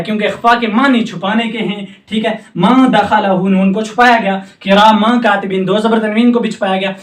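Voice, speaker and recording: A man with a high, light voice teaches recitation at a board. He drills each sound slowly and keeps repeating reminders to remember. The room rings with echo, and he stands some distance from the mic. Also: a bit bright. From Jammu and Kashmir. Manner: patient, repetitive drilling of sounds, often says remember. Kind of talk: tajweed lesson at a board. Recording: echoey room, speaker away from mic.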